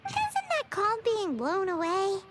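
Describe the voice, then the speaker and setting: Paimon, a squeaky fairy companion. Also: female voice, huge pitch swings, unhurried, background noise, exaggerated voice. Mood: excitable. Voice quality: high, bouncy and childlike. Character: tiny floating female fairy companion, chatty and excitable. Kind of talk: video game voice acting. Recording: game audio with loud music behind.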